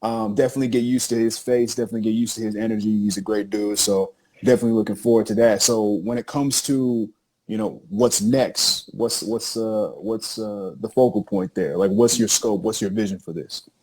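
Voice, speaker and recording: A man co-hosting a casual podcast, animated and hyping up his guest while repeating phrases. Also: fairly low pitch, a little fast. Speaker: co-host introducing the show.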